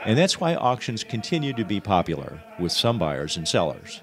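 An American man reads scripted feature narration as a TV reporter. His voice is low with very lively intonation, over the noise of an event crowd. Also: normal speed.

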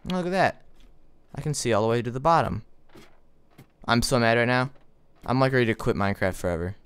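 A man's voice: medium pitch, brisk, fairly bright tone, clear, resonant tone, dry recording. Swearing young man playing a game. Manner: frustrated, swearing, sarcastic. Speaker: gaming commentator. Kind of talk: casual gameplay commentary.

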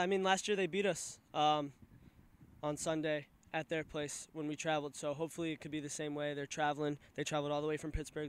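A man's voice: on the high side, smooth. A man in his twenties, a college soccer player from Pennsylvania, giving casual postgame answers with many fillers, outdoors on a field at night into a handheld mic. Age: 20s. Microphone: handheld mic held by interviewer.

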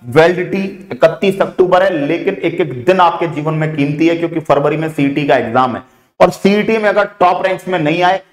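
A male exam coaching teacher with a Rajasthani Hindi accent, briskly running through syllabus topics with frequent "theek hai" fillers and calling students "beta". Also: on the high side. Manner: addresses students familiarly as "beta". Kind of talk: online exam coaching lecture. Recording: echoey room.

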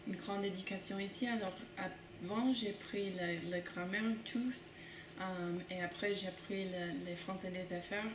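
A young woman from the United States, a student, answering in halting learner's French. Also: mid-range voice, steady tone. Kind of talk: interview answers. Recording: echoey room, background noise.

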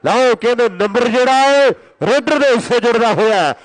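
A man giving excited, urgent rural sports commentary on kabaddi, repeating his calls and announcements. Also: very high voice, normal speed, poor audio. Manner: excited, urgent, repetitive calling of play and announcements.

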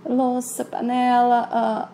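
A woman's voice: on the high side, completely flat delivery, slow, mellow, slight background noise. A woman voicing a vain, spendthrift middle-aged mother. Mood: flighty.

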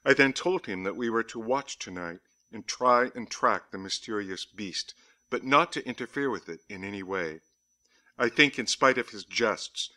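Male audiobook narrator, lowish pitch, bright forceful tone, measured dramatic reading. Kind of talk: scripted narration of a diary.

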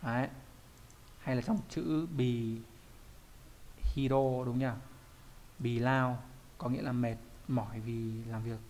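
A man's voice: medium pitch, steady tone, takes it slowly, pauses often, a little mellow, slight background noise. A man, a Japanese teacher explaining kanji in an online lesson, often asking questions and answering them himself.

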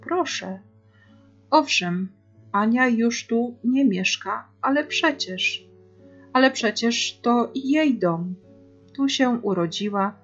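A woman voicing a kindly grandfather who speaks softly and firmly in a storybook reading. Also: on the high side, lively intonation, slow, dull audio, soft background music, heavily acted. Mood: reassuring. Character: kindly grandfather, calm and firm.

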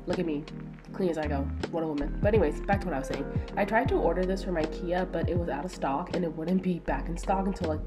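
A young woman with a stuffy nose talks through a relaxed voice-over, chatty and self-mocking, leaning on lots of fillers. Her voice sits a little low for a woman. Loud music plays behind her. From Florida, USA. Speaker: lifestyle vlogger. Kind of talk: casual voice-over narration. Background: loud background music.

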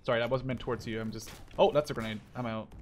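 A Dutch gaming YouTuber in his twenties opens upbeat, then talks very fast and chattily, reacting as he plays an online shooter with a friend. His voice is mid-range with fairly even intonation, and there's slight background noise.

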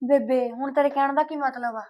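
An actress with a Punjabi accent playing a young daughter-in-law who pleads and placates, in a village short-film drama. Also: female voice, high-pitched, steady tone, brisk, a little mellow, natural voice. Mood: pleading.

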